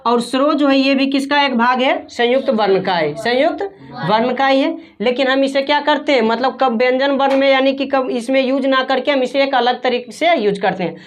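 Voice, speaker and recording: A woman with a high voice teaches a class. She keeps asking her students questions and echoing their answers back to them. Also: normal speed. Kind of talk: classroom grammar lesson.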